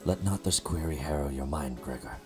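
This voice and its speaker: A man's voice: a bass voice, over music. A man doing a cool, formal researcher. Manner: measured, formal, dry. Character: calm, formal, coolly condescending researcher.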